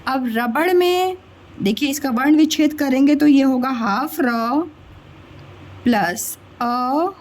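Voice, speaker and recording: A woman teacher patiently walks children through a grammar lesson step by step, addressing them as children and often checking they understand. Her voice sits high with a darkish tone, and her pace is measured.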